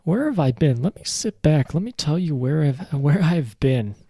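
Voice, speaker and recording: A man's voice: fairly high pitch, lively intonation, moderate pace, warm tone, no room sound, clean studio sound. A man hosting his own show, rambling through a casual solo rant, joking around and swearing freely. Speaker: podcast host.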